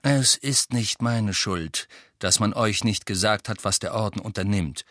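A man voicing a grown wizard who speaks calmly and steadily, close to his own crisp voice. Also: on the low side, moderate pace, dry recording, close to an everyday voice. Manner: calm, steady.

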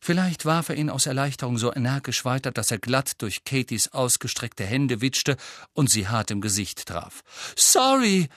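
A man reading a novel aloud as an audiobook narrator, with expressive storytelling. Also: mid-range voice, moderate pace, no room sound, studio quality. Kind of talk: scripted narration.

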